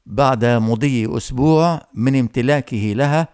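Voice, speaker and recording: A man presenting a scripted radio Bible study, telling a story in a measured, formal way. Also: medium pitch, darkish tone, clean tone, no room sound, studio quality.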